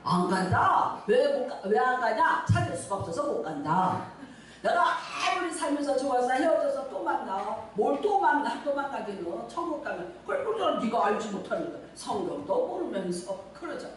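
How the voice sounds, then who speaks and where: A middle-aged woman pastor preaches in a lively, conversational way, acting out scenes and quizzing her congregation. Her voice sits fairly high and swoops up and down. She sounds set back from the mic in a very echoey church sanctuary, with a faint hum of the room behind her. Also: moderate pace, recorded from a distance. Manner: lively, acts out scenes, talks directly to the congregation. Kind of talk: sermon.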